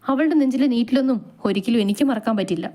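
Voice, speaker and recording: A woman's voice: a little high, fast talker, mellow, lightly acted. A protective older mother in a storybook, fierce and grieving at once, voiced by a woman narrator. She speaks with unbending resolve. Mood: resolute.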